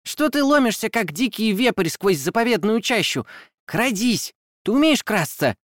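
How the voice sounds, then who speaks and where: A male audiobook narrator voicing a tiny, fussy and nosy female fairy who rides an owl, chattering impatiently in a high squeaky put-on voice. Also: big pitch swings, unhurried, dry recording, studio quality. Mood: bossy. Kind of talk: audiobook character voice.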